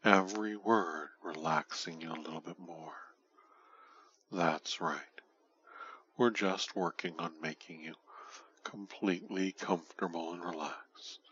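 A man guiding hypnosis in a soothing, breathy, hushed voice right by your ear, slowly and often trailing into a whisper. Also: low-pitched, steady tone, lo-fi sound, slight background noise. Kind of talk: guided hypnosis, soft ASMR-like delivery.

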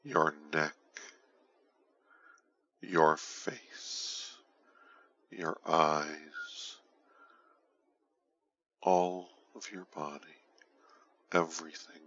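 Very deep, very slow male hypnotist, intimately close. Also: fairly even intonation. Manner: soothing, hushed, breathy delivery trailing into whispers. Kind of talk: guided hypnosis relaxation, counting down. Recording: dull lo-fi audio with faint noise.

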